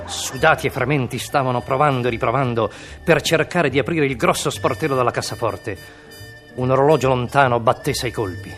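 A man's voice: mid-range voice, a little fast, fairly bright tone, faint music behind. A man telling a comic story on the radio in a mock-dramatic, theatrical way.

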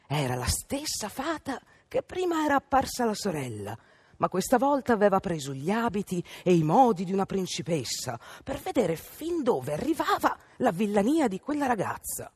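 A woman reading a fairy tale aloud for radio with an expressive, animated delivery. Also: medium pitch, normal speed, breathy edge, dry recording, studio quality. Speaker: storyteller.

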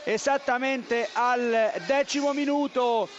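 A man's voice: very high voice, fairly even intonation, slow. A man giving live football score updates on radio in formal, wordy phrasing with hesitations. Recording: dull radio link, faint noise.

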